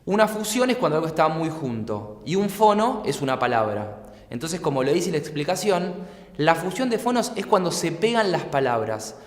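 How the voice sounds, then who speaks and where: A man with an Argentine accent teaches a lesson in a somewhat high voice, laying out each point patiently and clearly. He keeps posing rhetorical questions to his listeners. The sound is roomy, with a long echo trailing off the walls. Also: very animated, moderate pace. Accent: Argentine Spanish. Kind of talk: explanatory lecture. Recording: echoey room with long reverb.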